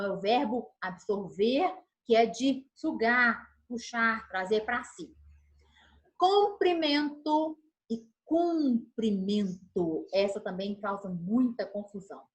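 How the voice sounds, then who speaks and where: A woman teaching a grammar lesson over a video call. She explains patiently, slows down to stress the key words and keeps checking in with her listeners. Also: medium pitch. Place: home setup on a video call. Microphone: video call mic.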